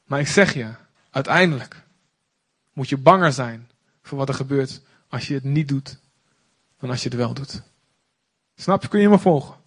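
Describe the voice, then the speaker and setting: A man's voice: medium pitch, animated, normal speed, long pauses, a bit bright, slightly rough. A young man from the Netherlands preaching a sermon with passionate, emphatic repetition. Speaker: pastor.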